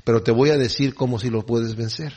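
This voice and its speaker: A man voicing a scheming male seer who quietly advises a king, in a low, husky, confiding voice. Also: fairly even intonation, brisk, natural voice. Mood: conspiratorial.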